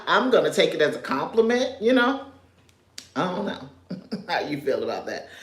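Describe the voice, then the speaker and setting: Her voice is low-pitched and fairly bright, and the room sounds reverberant. A New Yorker who grew up in North Carolina, she does chatty, meandering livestream commentary as a social media commentator, chuckling frequently.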